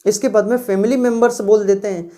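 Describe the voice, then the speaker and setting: A woman teaching English grammar, explaining rules patiently and reading example sentences slowly and clearly. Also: mid-range voice, steady tone, warm tone. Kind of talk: classroom grammar lecture.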